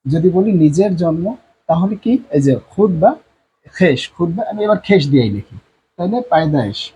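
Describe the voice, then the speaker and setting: A man teaching a language lesson at a board, repeating each word slowly and often, with many drawn-out fillers and a Bangladeshi Bengali accent. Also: fairly high pitch, expressive, mellow, slightly rough, low-quality recording.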